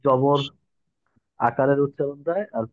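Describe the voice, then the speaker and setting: A man's voice: medium pitch, measured pace, dry recording. A male student answering the teacher's questions, hesitantly reciting his answers. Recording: tinny phone-like call audio.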